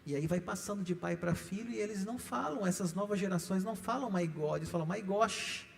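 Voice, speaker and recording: A man's voice: sits high, a little fast, gravelly. A middle-aged male pastor with a Brazilian Portuguese accent, preaching emphatically in a church, stressing points with rising repeated lists. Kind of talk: sermon teaching. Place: church hall. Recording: echoey church hall.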